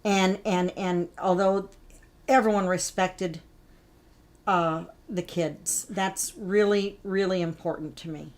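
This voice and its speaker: A chatty woman with a slightly low voice leads a live coloring tutorial. She gives friendly, instructive tips between bits of casual talk. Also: fairly even intonation, takes it slowly. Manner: chatty, instructive, greets viewers by name. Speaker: art instructor hosting a live coloring stream.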